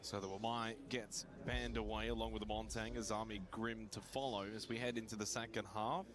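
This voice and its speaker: A man casting a live esports match play-by-play, building excitement on big plays. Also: on the low side, brisk, a crowd in the background.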